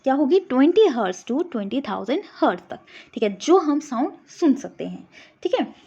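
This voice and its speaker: A woman's voice: high-pitched, big pitch swings, brisk, warm tone, muffled recording. A woman teacher giving an exam-prep physics lesson, explaining step by step and often checking whether students have understood. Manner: explains step by step, keeps asking "samajh aa gaya?" to check.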